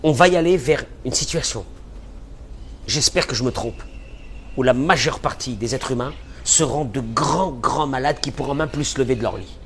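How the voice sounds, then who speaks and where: A man giving an impassioned religious lecture as a rabbi, pleading and repeating phrases for emphasis, dropping to a hush and then rising loud. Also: medium pitch, moderate pace, slight background noise. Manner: pleading, emphatic repetitions, swings from hushed to loud.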